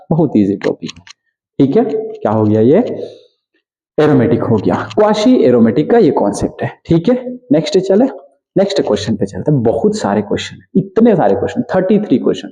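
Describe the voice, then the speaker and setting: A man teaching a chemistry lecture. He asks questions and answers them himself, repeats key terms, and drags key words out slowly. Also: medium pitch, warm tone, muffled recording. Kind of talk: exam-prep lecture.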